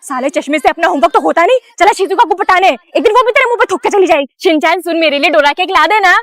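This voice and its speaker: Fast, high-pitched sassy woman. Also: animated, a bit bright, dry recording. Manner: bratty, sassy and quick-tempered. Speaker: comedy sketch creator. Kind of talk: acted comedy sketches playing many roles.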